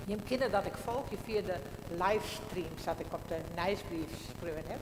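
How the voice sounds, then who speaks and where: A woman's voice: fairly low pitch, moderate pace. A woman with a Frisian accent speaking as a pastor, addressing and praying with a congregation in a church service. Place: large indoor church. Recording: echoey church hall, long reverb, background noise.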